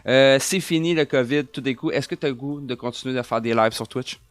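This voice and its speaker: A man's voice: medium pitch, fairly quick, dry recording. Man, stream host, casual questions, dry close mic. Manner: friendly, reads chat messages aloud. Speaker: host of a live stream interview. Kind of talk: casual interview chat.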